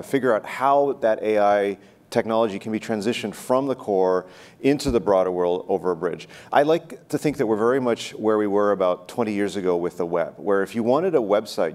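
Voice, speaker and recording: A man in his forties speaking as a panelist on a conference stage, explaining briskly with filler "uh"s into a lapel mic. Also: low voice, a little mellow. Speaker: panelist, institute director.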